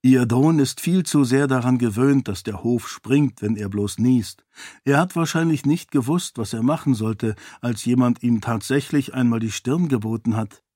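A man voicing a stern but motherly older noblewoman, calm and reassuring, in an audiobook. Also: mid-range voice, moderate pace, dry recording, studio quality, lightly acted.

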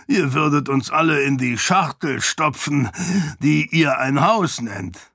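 A man voicing a portly, blunt, booming count in an audiobook, talking slowly and blusteringly. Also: vocal fry, pushed and bright, no room sound, studio quality, heavily acted. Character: portly boisterous male count, blunt glutton. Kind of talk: audiobook character voice.

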